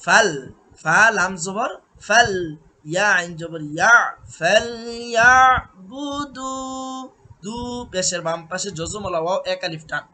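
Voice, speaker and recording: A man teaching Quran recitation, drilling syllables with long drawn-out chanting and patiently correcting pronunciation. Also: high-pitched, pushed and bright. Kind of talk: slow recitation lesson. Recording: faint background noise and clicks.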